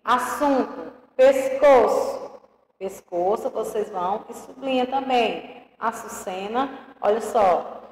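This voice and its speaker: A woman with a Brazilian Portuguese accent teaching a primary school class online, talking slowly and patiently, stretching out example words and often checking in with "ok?". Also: medium pitch. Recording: roomy with long reverb.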